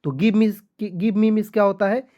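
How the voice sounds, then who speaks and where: The audio is dull as a man with a high-pitched, steady voice leads a brisk beginners' English lesson. Patiently repeating himself, he asks questions, answers them, and spells words one letter at a time.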